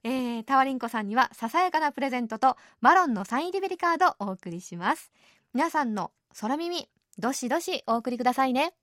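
A woman hosting a radio program in a chatty, easygoing way, often adding soft tag particles as she explains things. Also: high-pitched, expressive, quick pace, no echo, studio quality. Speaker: radio show host. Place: radio studio.

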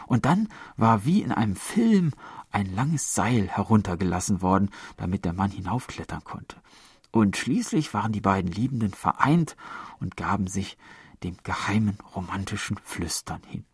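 Gravelly low-voiced male storyteller. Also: lively intonation, no echo, clean studio sound. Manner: measured, storytelling delivery. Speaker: narrator. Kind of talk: audiobook narration.

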